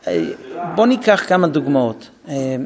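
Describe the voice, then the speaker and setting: Animated man giving a parenting talk. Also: a little high. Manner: animated storytelling, acting out dialogues. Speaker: parenting lecturer. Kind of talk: informal talk to a group.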